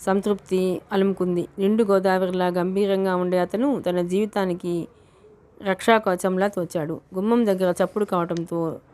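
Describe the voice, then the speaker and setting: A woman narrating a novel in a steady, even reading manner. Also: lowish voice. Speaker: audiobook narrator.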